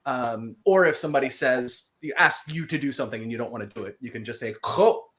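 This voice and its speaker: A teacher giving a relaxed language lesson, explaining words patiently and repeating phrases slowly for a learner to copy. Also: medium pitch.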